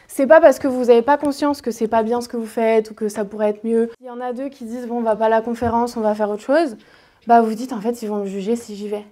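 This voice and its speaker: A woman's voice: on the high side, fairly even intonation, quick pace, mellow. Casual young woman giving a mindset talk. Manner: casual, direct, addresses audience informally with fillers. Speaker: motivational speaker. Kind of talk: conference talk to students. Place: lecture hall at a business school.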